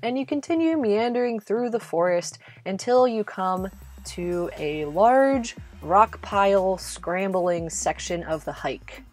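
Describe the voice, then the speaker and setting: Over background music, a woman narrates a relaxed how-to voice-over for her travel vlog, addressing the listener directly and encouragingly. She talks slowly, her medium-pitched voice a touch mellow and lively in intonation.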